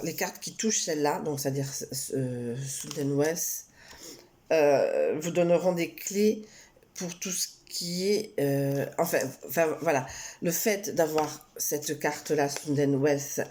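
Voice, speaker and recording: A woman reading tarot cards in a casual vlog, talking in a rambling way with many hesitations and restarts, turning animated and giggly when she jokes. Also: deep voice. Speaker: tarot card reader.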